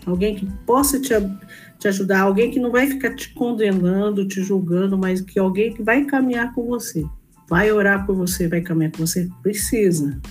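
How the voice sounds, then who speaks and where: A woman's voice: mid-range voice, a little mellow. A woman with a Brazilian Portuguese accent giving an earnest, conversational sermon that presses her listeners with questions. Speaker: preacher.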